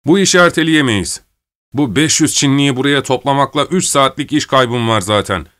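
A man's voice: medium pitch, normal speed, fairly bright tone, pitched above the performer's own voice, lightly acted. A man voicing a boastful, stubborn German overseer in a spoken story, talking brusquely and insistently.

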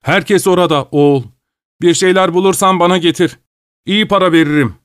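A man voicing a bitter legless middle-aged man who shouts and accuses, in an audiobook reading. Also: high-pitched, a little fast, clear, resonant tone, no room sound, studio quality, voice pushed up, lightly acted. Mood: accusing. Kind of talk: audiobook character voice.

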